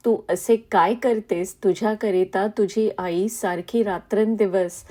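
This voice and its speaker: A woman's voice: medium pitch, dark tone, lightly acted. A woman reading as a kindly motherly devotee. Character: motherly older woman devotee, kind and encouraging.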